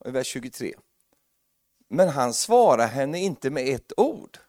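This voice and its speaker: A man preaching a lively sermon, joking with the congregation and building to loud, emphatic preaching. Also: medium pitch, no room sound, studio quality.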